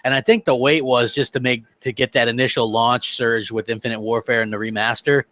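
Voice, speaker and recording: A man co-hosting a casual gaming podcast chat, animated and fond of mimicking others. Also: mid-range voice, a little fast, dry recording. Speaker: co-host.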